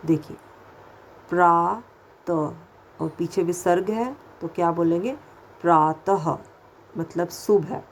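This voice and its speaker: A woman's voice: on the low side, normal speed, few pauses, mellow, slight background noise, poor audio. A woman teaching a first-grade lesson to children, speaking patiently, repeating sounds and asking questions as she goes. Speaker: Hindi teacher.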